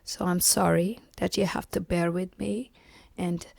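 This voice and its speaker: A woman artist who is sick and has lost most of her voice, talking in a scratchy, breathy half-whisper in a chatty, apologetic vlog, close to a new mic. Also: on the low side, steady tone, measured pace, darkish tone, no echo. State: sick, voice mostly gone, whispering. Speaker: artist and illustrator vlogger. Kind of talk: casual vlog talk.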